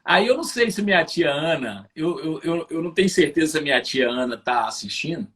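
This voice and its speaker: A Brazilian man with a notably high voice tells his story with animated energy. He is a business owner speaking as a guest on a live-streamed interview, and he keeps the tale moving with a lively, anecdotal flow. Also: a little fast.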